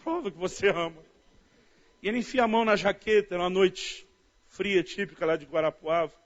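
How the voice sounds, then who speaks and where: A man with a Brazilian Portuguese accent preaching a sermon in an animated storytelling manner, often calling his listeners "dear". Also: high-pitched, brisk. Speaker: pastor. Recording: dull lo-fi audio.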